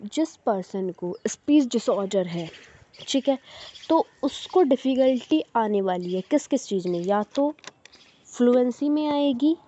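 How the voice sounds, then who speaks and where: A woman giving an explanatory lecture in a fairly high but mellow voice. She reads each point slowly and then talks it through, pausing often to check her listeners are following. The recording sounds dull and lo-fi. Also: animated. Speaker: teacher.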